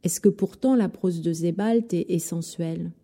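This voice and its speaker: A woman hosting an interview, asking a question in a slow, searching way with repeated words. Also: lowish voice, mellow. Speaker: host.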